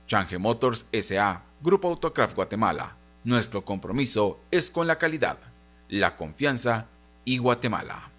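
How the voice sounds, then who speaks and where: A man reading a scripted corporate statement as a spokesman, in a formal, measured manner. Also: medium pitch, very animated, a bit bright, faint music behind.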